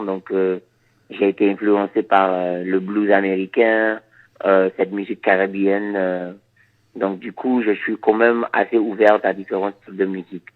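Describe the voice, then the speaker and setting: A man from Suriname, a reggae musician whose first language is Dutch, answers interview questions haltingly and thoughtfully, repeating many words. His voice is on the low side, and the audio sounds narrow and tinny.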